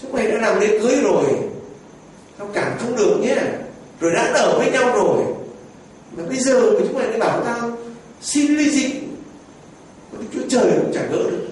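A man's voice: extremely high pitch, animated, normal speed, long pauses, a little mellow, a little hiss or hum, pitched above the performer's own voice. A man voicing a stern priest who scolds and lectures a young couple. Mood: scolding. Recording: echoey church from far off.

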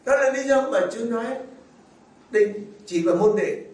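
A male priest delivers a homily in a high-pitched voice, questioning his listeners as he goes. His voice rings through a very reverberant church, picked up from some distance. A faint room ambience sits underneath. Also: moderate pace, a little mellow. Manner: asks the congregation rhetorical questions. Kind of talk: sermon. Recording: very echoey, far from the mic, faint ambience.

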